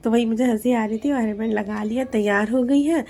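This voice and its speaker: A woman's voice: on the high side, fairly quick, dark tone. A woman in her thirties with a Hindi accent, narrating her daily home routine in a chatty voice-over, explaining each step with lots of fillers. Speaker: homemaker vlogger.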